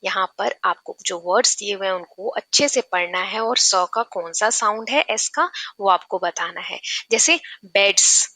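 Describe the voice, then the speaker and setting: A woman teacher, reading English lines slowly and explaining them in another language, often checking in with the class. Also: medium pitch, pushed and bright, dry recording. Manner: reads English slowly, then explains quickly in Hindi; keeps checking with "ठीक है". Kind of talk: textbook lesson explaining in Hindi and English.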